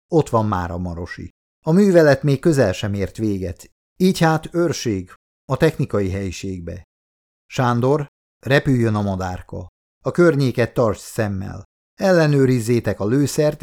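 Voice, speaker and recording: A man voicing a curt, gravelly commando colonel. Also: fairly low pitch, a little mellow. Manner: barking curt orders. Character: tough male colonel leading commandos, curt.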